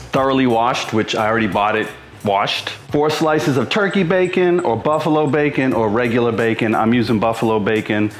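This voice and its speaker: This home cooking show features a middle-aged man from Boston, USA, whose medium-pitched voice has a fairly bright tone. He demonstrates casually in his kitchen, talking informally and musing aloud over music in an echoey room.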